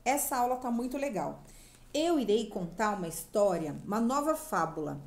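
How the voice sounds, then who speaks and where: A woman's voice: on the high side, expressive, moderate pace. A woman teacher from Brazil with a Brazilian Portuguese accent, patiently explaining a lesson to young children and checking in often. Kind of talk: remote class lesson for children.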